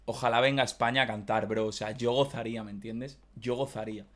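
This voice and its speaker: A man with a Valencian Spanish accent, hosting a casual music reaction and excitedly repeating his praise in slang. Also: mid-range voice, fast. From Spain. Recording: loud music playing behind.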